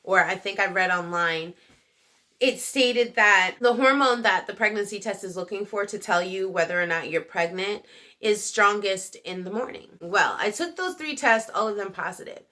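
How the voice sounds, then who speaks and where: A woman in her thirties tells a personal story to her channel's viewers. Her voice is bright and sits at a middling pitch. She is chatty and animated, using casual slang and checking in with the listener as she goes. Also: moderate pace. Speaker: video channel host.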